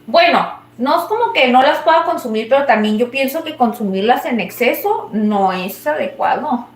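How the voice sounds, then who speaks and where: A woman's voice: high voice, lively intonation, normal speed, roomy sound. A woman with a Mexican accent chatting casually and rambling while she cooks, often laughing. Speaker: cooking vlogger. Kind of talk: casual chat while cooking.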